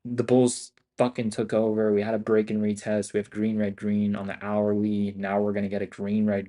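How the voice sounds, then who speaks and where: A man giving casual live trading commentary as a streamer, in loud, cocky, slangy finance-bro talk full of swearing and bro and dude. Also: fairly low pitch. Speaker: day trader hosting a live stream.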